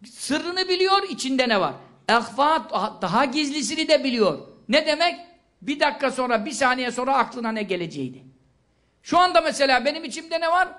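A man giving a religious lecture, asking questions and answering them himself, with quick recited Arabic verses. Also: extremely high pitch, sharp tone. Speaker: preacher.

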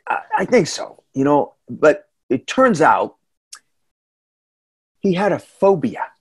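A middle-aged man with a New England accent telling travel stories in a casual slide talk over a video call, chatty and self-deprecating with many fillers. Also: fairly high pitch. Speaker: tour guide and storyteller giving a slide talk. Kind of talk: casual storytelling presentation. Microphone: webcam on a video call.

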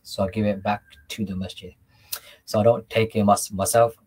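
A young man with a fairly low, husky voice talks as an interview guest. He speaks conversationally and haltingly, doubling back on words as he explains himself. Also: little pitch movement, a little mellow, low-quality recording. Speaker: interview guest, devotional singer. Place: small room indoors on a video call.

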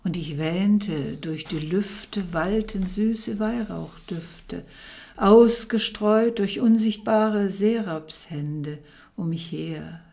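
A woman giving a theatrical poetry recitation, building to loud, impassioned outbursts. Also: mid-range voice, extremely slow, gravelly.

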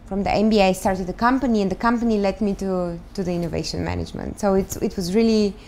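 A woman in her thirties speaks English with a Bulgarian accent, her voice sitting in a middle register. She answers interview questions thoughtfully, often pausing with fillers as she searches for words. A faint hiss sits under the living-room recording. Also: mid-range voice, steady tone, darkish tone. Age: 30s. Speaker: guest, start-up founder.

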